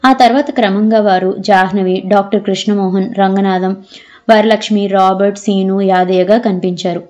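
A woman narrating an audio novel in a steady storytelling manner. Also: medium pitch, normal speed. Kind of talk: scripted narration. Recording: slightly dull audio.

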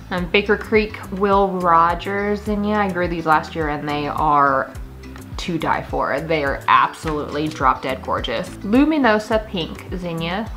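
A woman in her thirties, a gardening vlogger, chats casually and enthusiastically to the camera in her home kitchen while showing seed packets. Her voice is lowish with a fairly bright tone.

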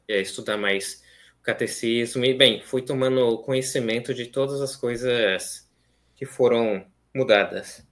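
This is a seminarian from São Paulo, Brazil, in his twenties, whose voice sits on the low side and carries the local Portuguese accent. He is recounting his story in a casual interview, speaking softly and hesitantly with many fillers. The audio comes from a video call webcam in a small plain room.

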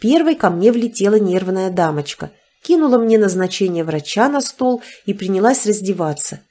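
A woman narrating a first-person audiobook in an even storytelling manner. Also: mid-range voice, normal speed.

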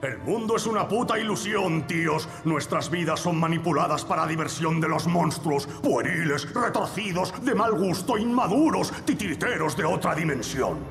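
A man's voice: a little high, expressive, normal speed, hardly any pauses, a bit bright. A man with a Castilian Spanish accent voicing a solemn, portentous cartoon liquor-bottle sage. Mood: grave, revelatory. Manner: portentous, theatrical. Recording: reverberant cavern, music behind.

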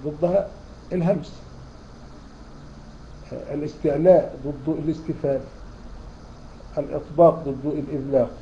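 A man's voice: a little high, steady tone, normal speed, pauses often, highs cut off, slight background noise. A man with an Egyptian accent teaching tajweed in an online lecture, asking his students questions and repeating key terms. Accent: Egyptian Arabic. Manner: explains in a questioning, repeating style. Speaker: Quran recitation teacher.

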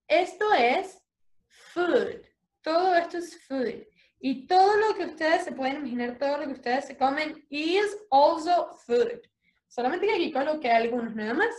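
A young adult woman teaching an online English lesson to young children, spelling words out slowly, praising warmly and switching between English and Spanish. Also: sits high. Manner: slow, drawn-out spelling and cheerful praise.

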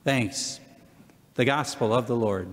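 An older man, a deacon speaking from the lectern in a measured, solemn way as he reads and preaches. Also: medium pitch, slight background noise. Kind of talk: scripture reading and homily. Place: large church, at the lectern. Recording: long church hall reverb.

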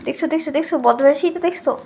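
A woman's voice: high voice, racing, creaky, dark tone. A woman vlogging at home, playfully teasing and coaxing her small daughter. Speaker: mother and vlogger. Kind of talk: casual family vlog.

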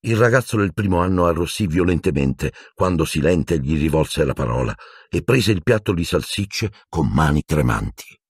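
A deep-voiced man reads the story aloud with a husky grain and a lively, swooping melody. The recording is dry and close, with no room sound. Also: moderate pace, no room sound. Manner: expressive storytelling, lively intonation. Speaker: audiobook narrator. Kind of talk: audiobook narration.

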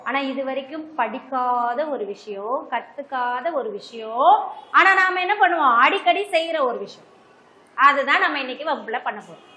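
A primary school teacher with a Tamil Nadu accent leads her young class, coaxing and quizzing them. Her voice sits very high and rings bright. It echoes around a classroom with faint noise behind it. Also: moderate pace, a faint crowd. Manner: coaxing, asks the class constant questions. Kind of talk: classroom lesson with young children.

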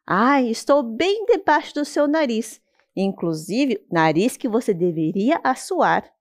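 A cheeky storybook turtle with a high, bouncy voice that swoops up and down, teasing the boy, as a woman storyteller puts her on. Brazilian Portuguese accent, playful and mocking. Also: big pitch swings, a little slow. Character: cheeky talking singing female turtle.

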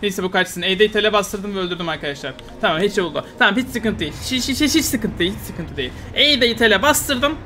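Turkish guy yelling and muttering over his gameplay, taunty and frustrated, noticeable noise behind him. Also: high-pitched, fast talker, hardly any pauses. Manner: excitable, frustrated, taunting, swings loud and quiet. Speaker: gaming YouTuber. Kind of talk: live gameplay commentary.

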